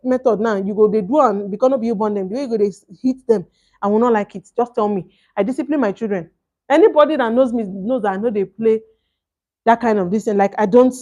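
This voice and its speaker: A woman's voice: fairly high pitch, dark tone. Emphatic Nigerian woman telling her story. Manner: emphatic, acts out reported exchanges. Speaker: vlogger telling a personal story. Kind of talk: casual storytelling, slipping between English and Pidgin.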